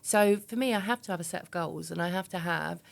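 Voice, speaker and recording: A woman's voice: on the low side, a little fast, gravelly. A woman, talking candidly and emphatically as a guest in a conversational interview, often acting out her own thoughts. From East London, England. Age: 50s. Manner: candid, chatty, emphatic, illustrates points with quoted self-talk. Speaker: interview guest, business founder.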